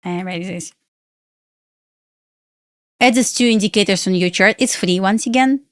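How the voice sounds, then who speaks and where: Bubbly and giggly, a Belarusian woman who speaks Russian as her first language chats casually on her live stream, where she day-trades futures. Her voice is medium-pitched at a moderate pace, in clean studio sound without room sound, and her grammar is loose and non-native.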